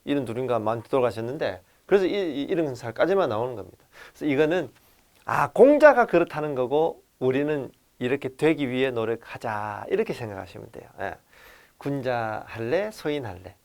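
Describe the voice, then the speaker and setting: Animated man lecturing on classics. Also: mid-range voice, a little fast. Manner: animated, addresses audience directly, shifts between polite and casual speech.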